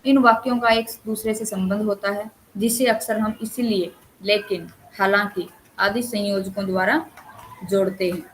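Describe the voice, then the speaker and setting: Female online counsellor, lecture delivery, mid-pitched, faint noise floor. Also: steady tone, moderate pace, poor audio. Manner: explanatory, reads out short example sentences. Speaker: counsellor teaching Hindi language.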